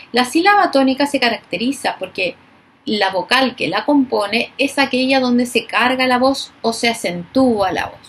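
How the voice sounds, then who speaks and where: Slow, emphatic woman teacher. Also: on the high side, a bit bright, slight background noise. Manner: slow, emphatic, stresses example words. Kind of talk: recorded online class.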